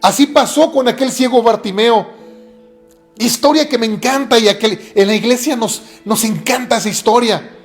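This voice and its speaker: A preacher delivers a sermon in a mid-pitched voice. The delivery is earnest and returns again and again to key phrases for emphasis. Faint music plays underneath. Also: normal speed. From Mexico.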